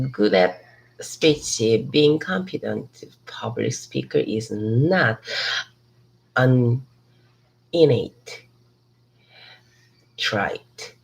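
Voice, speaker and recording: Outdoors in a city park, an ESL student from Hong Kong whose first language is Cantonese gives a motivational speech she has practiced. She speaks slowly in a low, gravelly voice, often stopping, starting over and repeating words to fix mistakes, and the audio is of poor quality.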